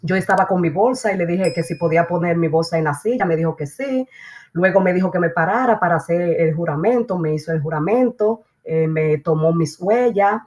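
A woman's voice: lowish voice, brisk. A woman with a strong voice, casually telling a story, acting out what was said and dropping in English phrases. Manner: lively, acts out dialogue and drops in English phrases. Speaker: interview guest.

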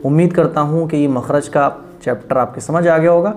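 A man teaching Quran pronunciation, patiently stretching out letter sounds and often asking whether it is clear. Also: a little high, darkish tone. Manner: slow, drawn-out demonstration of letter sounds; patient, repeats each sound and asks if it is clear. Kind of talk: pronunciation lesson.

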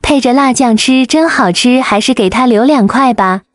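A woman's voice: on the high side, moderate pace, dry recording, clean studio sound. A woman in a comic couple's eating show, talking through a mouth full of meat as she gloats over the food. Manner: gloating, savoring the food aloud.

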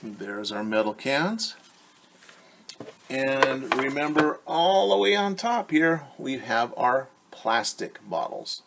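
A man in his forties reads a storybook slowly to young children as their teacher, talking straight to them and repeating key words. His mid-range voice is creaky with lively intonation, and the indoor living-room recording has a noisy background.

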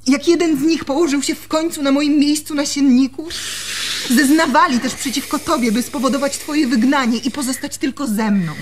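In a Polish radio play, an actress voices an anxious, haunted young woman in love, her delivery intimate, brooding and reproachful. Her natural voice sits high and moves at a normal speed, with background noise present.

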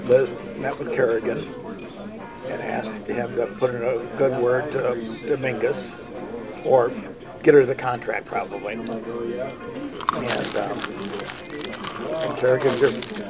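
A man in a halting, deliberating private business conversation, secretly recorded on a wire hidden under clothes. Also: mid-range voice, steady tone, loud music behind the voice. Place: busy restaurant, indoors. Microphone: hidden body wire under clothes. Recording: muffled hidden wire, loud restaurant chatter.

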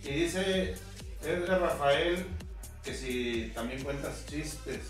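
A man's voice: on the high side, takes it slowly. A man, a co-host reading out viewer messages with a teasing manner. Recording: very echoey, far from mic, music behind.

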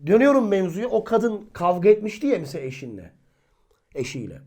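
Lively man giving an informal sermon. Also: high-pitched, fairly quick. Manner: lively, colloquial, acts out quoted people; addresses listeners directly with rhetorical questions. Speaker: religious teacher.

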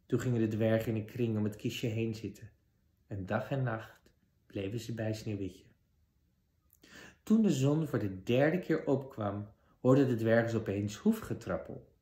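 A man reading a children's fairy tale aloud with expressive narration. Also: medium pitch. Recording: roomy echo.

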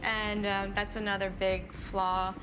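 A young woman who owns a restaurant, talking earnestly and softly about her business in a casual interview. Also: medium pitch, level tone, unhurried, poor audio. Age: young adult. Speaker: restaurant owner. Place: small bright café. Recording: music bed under the talk.

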